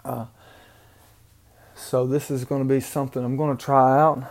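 This Mississippi podcast host speaks with a Southern accent in a mid-range, darkish voice, flat in delivery and at a normal speed. Alone on his casual show, he rambles with many ums and restarts. The audio comes from an amateur home microphone.

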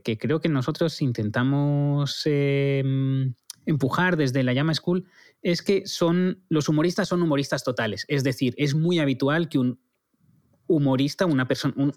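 Guy from musing on a podcast, kinda hesitant, average pitch. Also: a little mellow. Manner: hesitant, many fillers and restarts, reflective. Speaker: comedy teacher and podcast co-host. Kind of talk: casual podcast chat.

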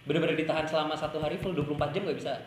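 A man's voice: on the high side, fairly even intonation, very fast, roomy sound, noisy background. A man co-hosting a casual podcast, rambling in slang and laughing often. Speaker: podcast co-host.

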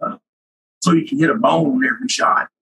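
Older man with a cracking, husky voice. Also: fairly high pitch, fairly even intonation, fairly quick, bright, forceful tone, low-quality recording. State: sinus trouble. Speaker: interview guest, retired researcher. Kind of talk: casual reminiscing.

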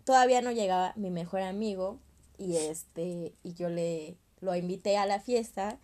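A young woman with a Mexican accent, telling a story in casual chat, animated and slangy, acting out what people said. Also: lowish voice, moderate pace. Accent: Mexican Spanish. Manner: animated, acts out quoted voices, slangy.

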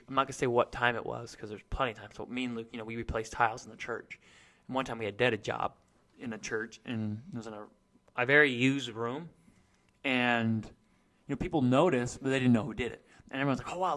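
Co-host, male, bright tone, earnest, rambles and restarts. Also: medium pitch. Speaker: co-host of a Bible talk. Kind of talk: casual faith discussion.

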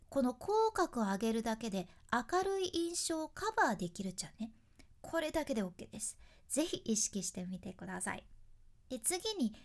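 Woman coaching how to talk on the phone, higher voice, bouncy and animated. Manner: lively, friendly teaching tone with demonstrations. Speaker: speaking coach, freelance announcer. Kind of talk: instructional talk to camera.

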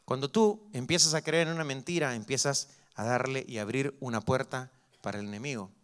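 A young man preaching a sermon as pastor, telling stories lively and acting out the dialogue. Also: medium pitch, fairly quick, clear, resonant tone. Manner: lively storytelling that acts out dialogue.

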